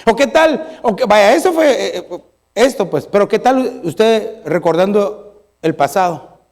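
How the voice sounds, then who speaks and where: A middle-aged man delivers a sermon as a pastor. His voice sits high for a man and carries a gravelly rasp. He keeps the congregation engaged through animated storytelling and playful asides. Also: measured pace.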